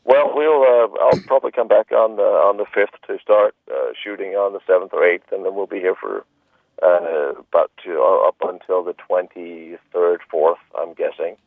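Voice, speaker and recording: A man's voice: sits low, normal speed, creaky, no echo, narrow, tinny audio. A man interviewed on radio about his film, joking and rambling, with many restarts. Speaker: film director being interviewed.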